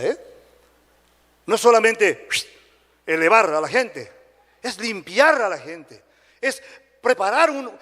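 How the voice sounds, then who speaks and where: A man with a Dominican Spanish accent preaching a sermon to a congregation, often checking in with short questions like "right?". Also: sits high. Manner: animated preaching, frequent tag questions to the congregation. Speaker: pastor. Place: church sanctuary. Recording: long hall reverb.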